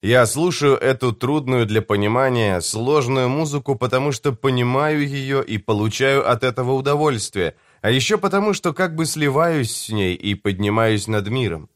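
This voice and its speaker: A man giving a measured, deliberate first-person reading of a novel as an audiobook narrator. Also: mid-range voice, dry recording, clean studio sound.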